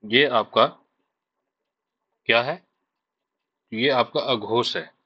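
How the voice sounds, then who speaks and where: A man teaching an exam revision lesson, slowly listing letters one by one. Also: mid-range voice, slightly rough. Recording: dull lo-fi sound.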